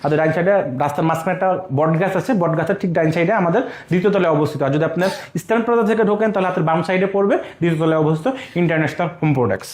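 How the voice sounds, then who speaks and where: A man speaks at a rapid clip in a fairly high voice. He explains things step by step and repeats his main points, and his voice rings in an echoey room. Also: a little mellow. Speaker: company representative. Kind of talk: promotional interview.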